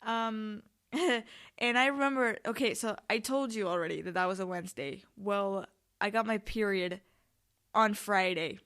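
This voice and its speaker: A woman's voice: medium pitch, fairly bright tone. A woman hosting a podcast in a casual, chatty way, telling personal stories in informal, rambling, sweary monologue. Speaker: podcast host.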